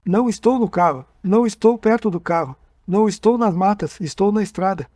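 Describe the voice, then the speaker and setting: A dazed hypnotized man reliving a strange night on a dark road, halting and stumbling over his own words, as a man reads him aloud. The voice sits fairly high and dry, with no room around it. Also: no echo, lightly acted. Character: frightened man reliving an abduction under hypnosis.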